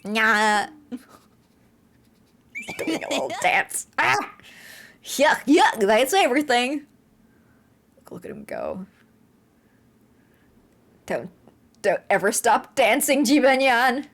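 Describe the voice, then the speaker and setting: A woman streaming live gameplay, talking in an animated, playful way and swearing casually. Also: fairly high pitch, takes it slowly, long pauses. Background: faint game music.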